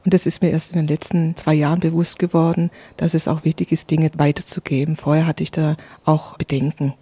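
A mellow, soft-edged voice tells of faith and inner experience in a calm, earnest way. The words come haltingly, with restarts and repeats. The recording is dry and close. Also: medium pitch, breathy edge, no room sound. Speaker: interviewee sharing spiritual experiences. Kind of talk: reflective personal testimony.

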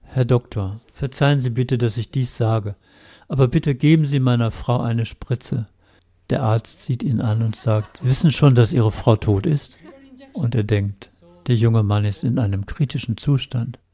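A man interpreting a spiritual talk, retelling the speaker's story in a steady, measured way. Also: medium pitch. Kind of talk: interpreting a sermon.

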